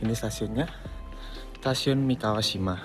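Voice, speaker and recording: Talking from train platforms and stations over music, a travel vlogger with a lowish voice speaks at a normal pace. His narration is casual and chatty, treating his viewers like friends.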